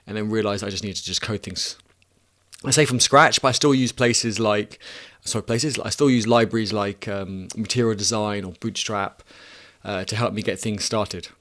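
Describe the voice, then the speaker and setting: A man in his thirties chats casually on a live stream, reading chat questions and working through answers out loud. His voice sits a little low, and he often restarts his sentences and laughs at himself. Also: normal speed. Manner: relaxed, thinking aloud with many restarts, laughs at himself.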